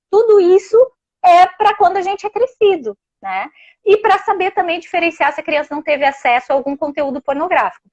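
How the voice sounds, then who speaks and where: A woman with a Brazilian Portuguese accent, explaining sex education in a casual, animated way and often checking in with her listener. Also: high voice, dull audio. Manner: animated, explanatory, uses many tag questions. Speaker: sex education guest expert.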